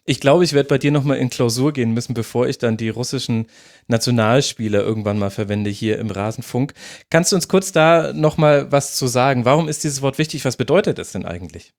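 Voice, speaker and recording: A man with a Franconian accent and a rolled R, hosting a casual podcast interview and asking relaxed questions. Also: mid-range voice, a little fast. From Franconia, Germany. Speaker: podcast host.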